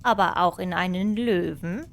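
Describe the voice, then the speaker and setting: A woman voicing a sly, clever male cat in boots in a storybook reading, by turns bold and flattering. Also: on the low side, moderate pace, gravelly.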